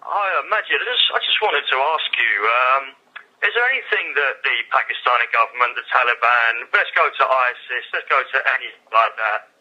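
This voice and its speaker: A man's voice: medium pitch, expressive, a little fast. A man calling in to a radio show, combative and talking over the host. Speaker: caller. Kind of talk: radio phone-in. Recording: phone line on radio.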